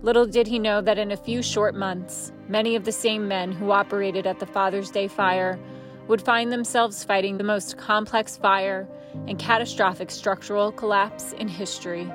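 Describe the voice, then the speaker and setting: A woman reading scripted documentary narration in a measured, solemn manner. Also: medium pitch, steady tone, a bit bright. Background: music.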